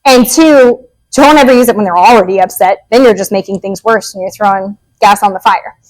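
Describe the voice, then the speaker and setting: A woman's voice: mid-range voice, brisk, low-quality recording. A woman behavior analyst giving a casual, joking, direct talk on parenting.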